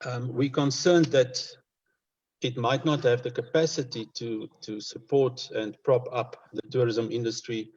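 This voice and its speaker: Man, Namibian accent, mid-range voice, hesitant and measured, informal interview, muffled low-fidelity sound. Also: fairly even intonation, darkish tone. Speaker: conservationist interviewed as guest. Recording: dull lo-fi online call audio.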